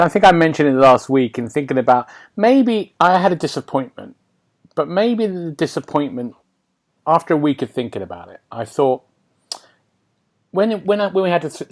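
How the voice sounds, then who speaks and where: A man hosts a casual gaming podcast, rambling, thinking aloud and often seeking agreement. His voice is fairly high in pitch with a darkish tone.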